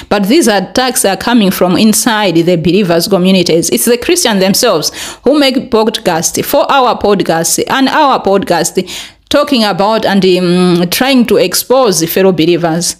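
A young woman from Malawi speaks earnestly into a desk mic in a small bright room. She talks in casual commentary, fills pauses with "uh" and "um", and climbs higher when she stresses a point. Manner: earnest, many fillers, rises in pitch when pressing a point. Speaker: vlogger. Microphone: desk podcast mic in front.

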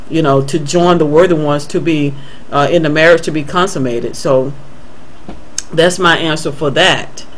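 A man earnestly explaining Bible passages in a voice-over, answering a viewer's email and pausing often with fillers and restarts. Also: on the high side, a bit bright, rough recording. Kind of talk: unscripted Bible commentary voice-over.

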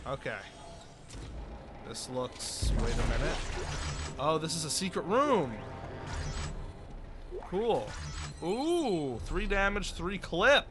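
Excitable swearing gaming host. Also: male voice, a little high, slow, long pauses. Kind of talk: let's play commentary. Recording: loud game noise behind. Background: game sounds.

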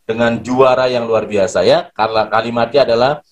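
A man leading an online motivation class for schoolchildren, coaxing and energetic, leaning on the same phrases again and again. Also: medium pitch, a little fast. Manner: energetic, coaxing, repeats "ya" and "luar biasa". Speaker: motivational trainer.

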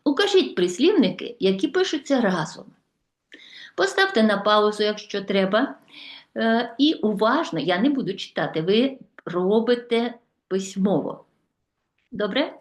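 A middle-aged Ukrainian woman teacher giving a video lesson to schoolchildren, speaking to them warmly and listing examples slowly and deliberately. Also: mid-range voice, expressive, echoey room. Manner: warm, addresses pupils as children, slow deliberate listing.

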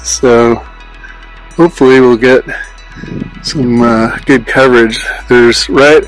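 Holding a phone on an open hillside as dusk falls, an amateur radio enthusiast narrates a casual vlog, explaining his hobby as he thinks aloud. His voice is medium-pitched with fairly even intonation and a slow pace. Poor audio carries faint background music.

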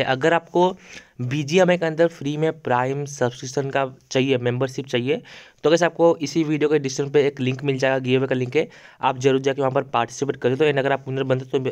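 A gaming YouTuber gives casual commentary on a game update, voicing over a mobile game screen recording. His medium-pitched voice is smooth and steady and his pace brisk, though he repeats his explanations and uses plenty of fillers.

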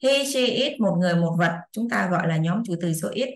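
A woman's voice: on the low side, expressive, a little fast. A woman, an English teacher explaining a lesson in a chatty way, repeating examples and checking that her students follow. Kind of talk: casual online lesson explanation. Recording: roomy echo.

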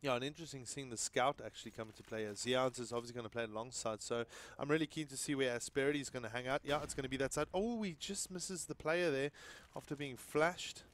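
A man from South Africa giving excitable play-by-play commentary on an esports match, rising loudly on big plays. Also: fast talker, few pauses. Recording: low-quality stream audio.

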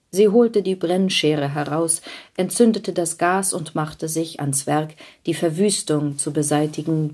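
An actress narrating a story aloud in an intimate, expressive style, letting the ends of sentences fall soft. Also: female voice, low voice, slightly rough. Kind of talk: audiobook narration.

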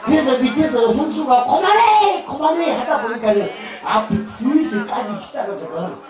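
A man with a Jeolla accent working as a pumba street performer and emcee, trading crude, teasing banter with the crowd on an outdoor festival stage, laughing through his lines and breaking into shouts. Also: very high voice, animated, normal speed, over music. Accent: Jeolla Korean. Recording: echoey loudspeaker sound, filmed from far off, crowd noise.

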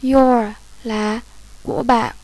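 Slow, high-voiced woman teacher. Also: fairly even intonation, darkish tone, poor audio. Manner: reads English lines slowly, then explains in Vietnamese. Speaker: English teacher. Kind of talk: bilingual English lesson for children.

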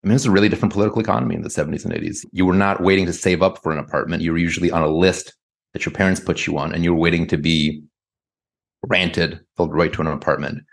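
A man from the United States speaks as an interview guest, working through his answers with a lot of hedging. His voice is very low. He talks in a loose, thinking-aloud way. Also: fairly even intonation, racing, vocal fry. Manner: thoughtful, hedging, many "kind of" and "like". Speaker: guest author.

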